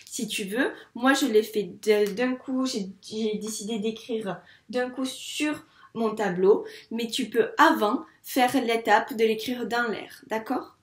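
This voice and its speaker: A woman teacher from France giving a young child a handwriting lesson, spelling out sounds slowly and clearly, syllable by syllable. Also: on the high side, reverberant. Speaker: first-grade teacher.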